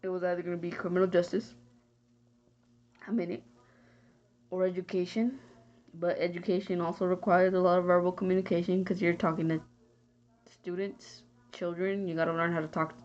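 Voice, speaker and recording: A woman's voice: on the low side, flat delivery, brisk, long pauses, a little mellow. A young woman from Texas giving a casual, rambling spoken answer for a class, often hunting for words and trailing off. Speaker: student. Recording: dull lo-fi home recording.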